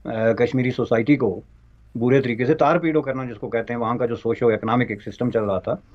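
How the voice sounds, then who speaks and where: Male panelist, formal measured delivery, lo-fi sound. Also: medium pitch, fairly even intonation. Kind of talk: TV panel debate. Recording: dull lo-fi audio.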